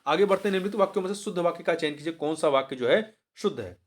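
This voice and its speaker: A man teaching as he works through a test paper, explaining each answer and repeating the key word slowly, sometimes stopping to correct himself mid-word. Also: fairly high pitch, animated. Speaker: exam prep teacher.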